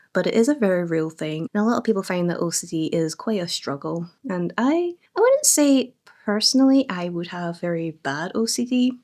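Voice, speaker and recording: A woman's voice: on the low side, a little mellow. A young adult woman chatting casually and enthusiastically about books she has read. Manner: chatty and enthusiastic, lots of fillers. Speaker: book vlogger. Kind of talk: casual book review chat.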